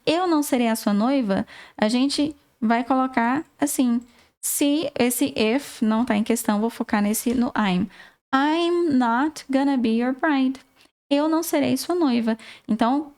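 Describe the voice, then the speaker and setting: A Brazilian woman with a fairly high voice teaches an online English lesson in Portuguese-accented speech. She is patient and clear, and she breaks each point into small steps. She slows right down whenever she says an English example. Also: a little mellow. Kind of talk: casual online language lesson.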